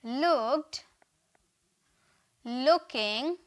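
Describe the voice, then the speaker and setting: A young woman with a high voice and an Indian accent teaches English verb forms in a live online class. She calls out every word form and says it twice, and keeps asking her viewers to follow along and comment. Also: extremely slow. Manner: drills word forms aloud, repeats each word, urges viewers to comment and share.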